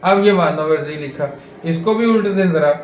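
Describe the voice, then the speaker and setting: A man's voice: fairly high pitch, normal speed. A man lecturing as a math teacher, working through problems step by step and asking rhetorical questions as he goes. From Pakistan. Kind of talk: board lecture solving exercises. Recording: echoey room with faint noise.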